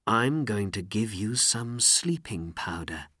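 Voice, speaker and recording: A man voicing a brave young hero who speaks in a calm, reassuring way. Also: on the low side, slow, no room sound, studio quality, heavily acted.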